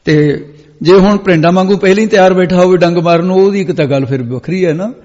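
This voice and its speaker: Male Sikh preacher, story-driven katha with slow chanted verses; lo-fi recording with hall echo. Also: sits high, a little mellow. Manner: chants scripture lines slowly, then explains them in speech. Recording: echoey hall, dull lo-fi sound.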